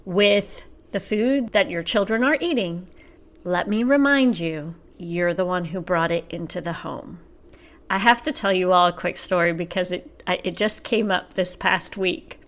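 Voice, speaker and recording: A middle-aged woman hosting a podcast as a personal trainer and health coach, talking casually and animatedly, laughing as she tells stories. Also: medium pitch. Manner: chatty and animated, laughs while telling stories. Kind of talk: casual solo podcast talk.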